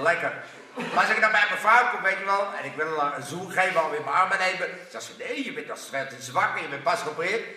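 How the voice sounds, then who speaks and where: A man telling a string of jokes to a live audience, acting out the characters in a lively way. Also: high voice. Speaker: stand-up comedian. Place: theater stage with a live audience. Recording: echoey hall from far off.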